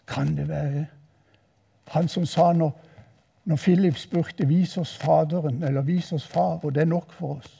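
An older man with a southern Norwegian accent preaches with lively storytelling in a mission hall. His voice sits high but sounds dark and mellow. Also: gravelly, slightly rough. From southern Norway. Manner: lively storytelling, voice rising for quoted exclamations. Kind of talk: sermon.

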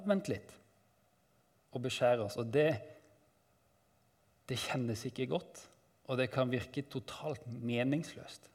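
A man giving a conversational sermon as a Bible teacher, calm and reflective, his voice often trailing off quietly at the ends of phrases. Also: medium pitch, big-room sound.

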